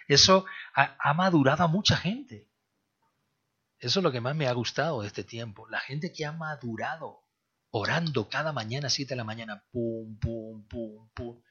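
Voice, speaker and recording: A male pastor preaching a sermon emphatically, swinging between loud exhortation and hushed prayer. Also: mid-range voice, lively intonation, moderate pace, husky. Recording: dull lo-fi sound.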